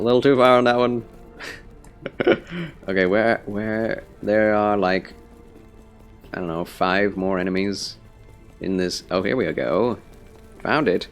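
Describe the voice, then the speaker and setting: Low, scratchy-voiced man chatting on stream. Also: vocal fry. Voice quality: scratchy, phlegmy voice. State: tired, under the weather. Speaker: game streamer chatting with viewers. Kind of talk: casual livestream chat with game commentary.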